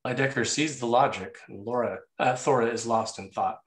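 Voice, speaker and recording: At a screenplay table read, a man serves as narrator, reading scene headings and stage directions. His mid-range voice moves at a normal speed. The sound is roomy and echoey.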